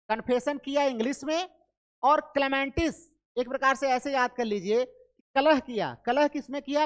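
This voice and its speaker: An Indian woman teaching literature for exams, mixing Hindi with English terms and drilling facts through repetition and quick quiz questions. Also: high voice. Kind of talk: online exam-prep lecture.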